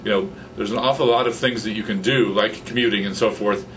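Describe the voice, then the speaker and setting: This rough recording carries a little hiss or hum under a fairly low-pitched man's voice moving a little fast. He's a podcaster in his fifties chatting casually with a guest in a small computer-filled office via a studio condenser mic on a stand in front, animated, gesturing lots and getting excited.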